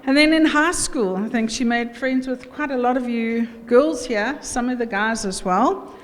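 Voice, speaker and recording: A middle-aged South African woman gives an informal wedding toast as mother of the bride, chatty, jokey and halting. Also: fairly high pitch. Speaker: mother of the bride giving a speech. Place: wedding reception room. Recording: echoey hall, background noise.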